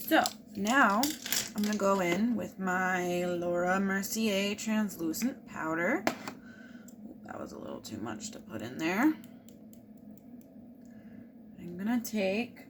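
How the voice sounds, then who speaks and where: A woman's voice: mid-range voice, background noise. A woman casually walking viewers through her makeup routine, explaining each step as she goes. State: hiccuping. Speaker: beauty vlogger.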